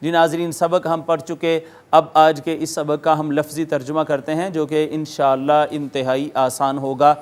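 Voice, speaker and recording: High, smooth-voiced Urdu lecturer. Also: male voice, flat delivery. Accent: Pakistani Urdu. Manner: patient, methodical, spells out words and repeats meanings; chants Quranic words slowly in a drawn-out recitation tone. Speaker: Quran and Arabic grammar teacher. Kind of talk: classroom-style recorded lecture.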